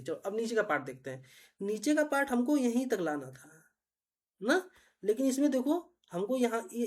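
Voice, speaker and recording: A woman teacher, patiently explaining reasoning puzzles step by step and often asking if it is clear. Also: a little high, darkish tone. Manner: patient, repetitive, checks understanding often.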